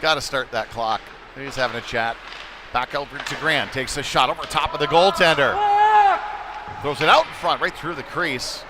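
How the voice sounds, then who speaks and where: Over the clear din of an indoor ice rink mid-game, a medium-pitched male play-by-play commentator handles live youth hockey coverage. He chats along as he tracks the puck, then jumps into excited calls once scoring chances heat up the action.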